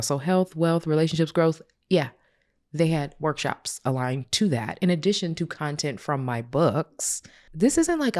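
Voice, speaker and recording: A woman with a very low, deep voice tells a personal story on her podcast. She talks casually and confessionally and uses slang. Her voice cracks with tears as she goes. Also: a little mellow. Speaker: podcast host.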